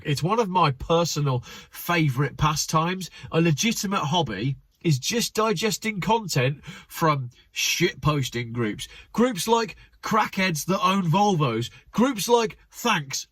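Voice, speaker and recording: Reading memes on his own channel, this male host offers casual commentary laced with dry sarcasm. His husky voice sits a little high and a bit bright, with a faintly nasal, stuffy quality, and the recording has no room sound.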